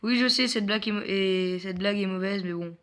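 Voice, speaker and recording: A man's voice: high voice, a little fast, fairly bright tone, clean tone. A man presenting mobile games in casual gameplay commentary, hesitant and full of filler sounds, with self-mocking jokes. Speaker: mobile game video host.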